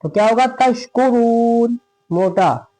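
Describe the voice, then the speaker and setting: A man teaching Quran reading in an online lesson, patiently asking and answering his own questions and slowly drawing out the verses he recites. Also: high-pitched, a little mellow, poor audio. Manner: slow drawn-out chanting of verses.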